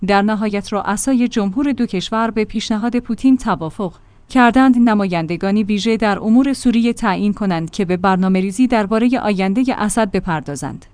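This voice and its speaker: A woman reading out a news magazine report in a steady, measured way. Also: mid-range voice, clear, resonant tone, dry recording. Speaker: news reader.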